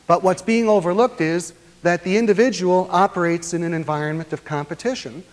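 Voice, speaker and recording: A male lecturer speaking with a somewhat high voice, working through his points slowly and deliberately, pausing often to find the next word. His talk carries a long, ringing reverb, as if captured in a large lecture hall. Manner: measured, deliberate explaining with frequent "uh" pauses. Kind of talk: academic lecture.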